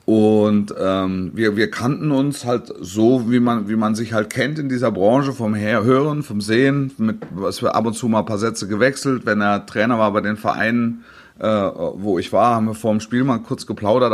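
Low-voiced middle-aged man, halting storyteller. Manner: halting, repeats words as he searches for phrasing. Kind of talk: casual chat, storytelling.

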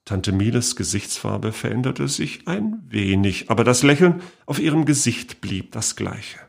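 A man reading a first-person story aloud in a measured, calm way. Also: medium pitch, creaky.

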